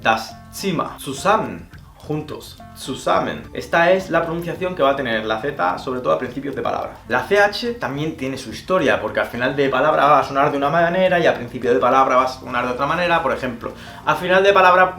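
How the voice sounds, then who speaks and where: Man teaching slow pronunciation. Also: a little high, expressive, bright, forceful tone. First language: Spanish. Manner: slow careful demonstration of words. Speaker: German teacher. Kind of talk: pronunciation lesson. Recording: roomy echo with faint music.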